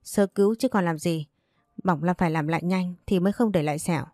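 A woman's voice: fairly low pitch, a little mellow, no room sound, clean studio sound, soft background music, close to an everyday voice. A woman voicing a stern older man who barks orders at his family. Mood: commanding. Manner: barking brisk orders. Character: stern older man, domineering father figure.

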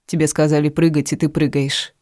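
A man's voice: on the high side, little pitch movement, a little fast, darkish tone, no echo, clean studio sound, natural voice. A man reading an audiobook, voicing the lines of a desperate, defiant young woman who speaks sullenly and bitterly. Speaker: audiobook reader. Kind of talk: audiobook dialogue.

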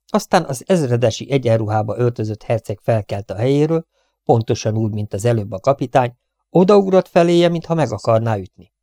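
A man narrating a novel as an audiobook reader, in a steady storytelling manner. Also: medium pitch, dry recording, studio quality. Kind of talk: scripted narration.

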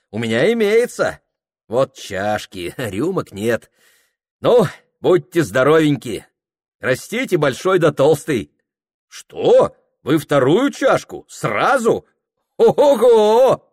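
A reader playing a tipsy, chatty exile who lectures eagerly, his voice bouncing up and down. He speaks slowly and the sound is dry and close. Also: a little high, big pitch swings, breathy edge, no echo, voice pushed up, exaggerated voice. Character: drunk talkative exiled man who stammers.

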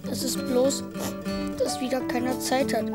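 Lonely little boy, kinda sulky, higher voice, faint music. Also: level tone, unhurried. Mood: gentle sulky. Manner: sulky, consoling. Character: young boy, lonely, sulky but kind. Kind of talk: radio drama acting.

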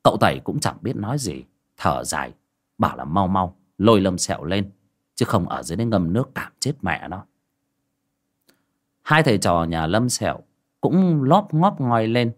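A man narrating an audio ghost story in a dramatic, lively storytelling manner. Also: lowish voice, moderate pace.

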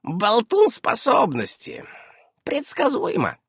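A man voicing a fussy, brisk old female witch who keeps darting from question to question in an audiobook. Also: huge pitch swings, fairly bright tone, breathy edge, no echo, studio quality, exaggerated voice. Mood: brisk, prying. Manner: shrill, darting, interrupting. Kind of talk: audiobook character voice.

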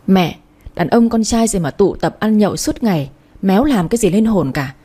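A woman's voice: medium pitch, animated, normal speed, warm tone, husky. A woman voicing a fierce, outspoken young woman who scolds and protects her family, speaking sharply. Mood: scolding.

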